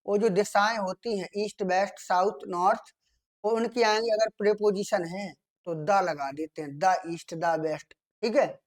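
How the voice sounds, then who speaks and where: Indian man, tutor, steady grammar explainer who reads examples slowly and checks in often. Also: high-pitched. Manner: repeats "theek hai" often, asks and answers his own questions; reads English sentences out slowly, as if dictating. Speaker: teacher. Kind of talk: exam grammar lesson.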